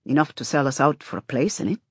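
A woman's voice: a bass voice, animated, quick pace, breathy edge, no room sound, studio quality, heavily acted. A woman voicing a blunt, stubborn, teasing woman in audiobook dialogue, with a sardonic, needling manner.

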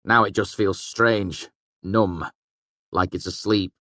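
A man's voice: low voice, steady tone, takes it slowly, no room sound, voice pushed up, heavily acted. A man reading an audiobook, voicing an irritable, skeptical male scribe who talks sharply. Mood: uneasy. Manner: sharp, incredulous.

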